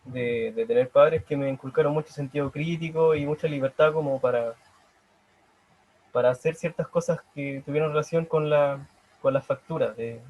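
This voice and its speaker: A young Chilean man, a bit high for a man, speaking over a muffled, lo-fi video call. He answers interview questions haltingly, restarting sentences as he searches for words. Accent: Chilean Spanish. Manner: hesitant, halting, many restarts. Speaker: painter, interview guest. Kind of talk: casual interview.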